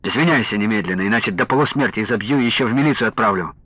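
A man voicing a burly, hot-tempered army man who talks in a menacing, forceful way, in a dull lo-fi recording. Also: fairly low pitch, racing, slightly rough, no room sound. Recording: dull lo-fi audio.

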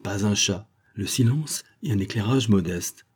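A man narrating an audiobook in a steady, measured storytelling manner. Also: on the low side, slightly rough. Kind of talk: scripted narration.

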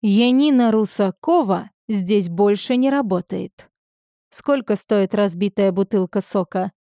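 A woman's voice: medium pitch, a little slow, dark tone, no room sound, studio quality, lightly acted. A woman voicing an angry, domineering young man who speaks in curt commands. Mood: commanding.

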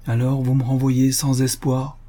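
A man's voice: mid-range voice, completely flat delivery, normal speed, warm tone, natural voice. A man reading aloud voices a poor young suitor, ardent, earnest and cheeky.

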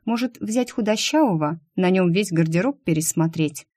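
A fussy young woman who finds fault with everything, voiced by a female audiobook reader. Her voice sits a touch higher than the reader's own and stays soft and mellow. The sound is dry and close. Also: expressive, normal speed, dry recording. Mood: musing. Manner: capricious, fault-finding. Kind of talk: audiobook character voice.

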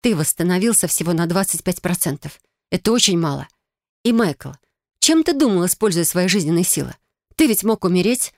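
A woman voicing a young witch, speaking higher and more urgently, sometimes scolding. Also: brisk, a little mellow, no echo, clean studio sound, natural voice. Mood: stern.

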